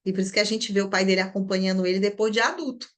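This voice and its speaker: A woman's voice: medium pitch, very fast. A Brazilian woman, an online therapist, giving a personal testimony in a class and acting out her past prayers and conversations. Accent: Brazilian Portuguese. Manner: storytelling, animated, acts out her own past prayers and dialogues. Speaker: online therapist and community teacher.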